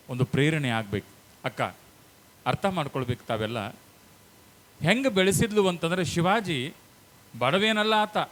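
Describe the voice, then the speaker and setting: A man giving a spiritual discourse, swinging between loud storytelling and soft asides to the women listening. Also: fairly high pitch. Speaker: preacher.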